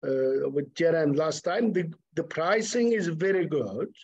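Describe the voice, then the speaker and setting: A man talking business with a school director in an informal way, brisk with some fillers. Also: on the high side, lively intonation, darkish tone, breathy edge, dull audio. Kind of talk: business call.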